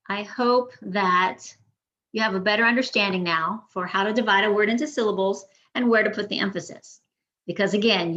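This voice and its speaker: A woman teaching a Spanish pronunciation lesson, speaking clearly and patiently and modeling each word slowly. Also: mid-range voice, a bit bright, muffled recording.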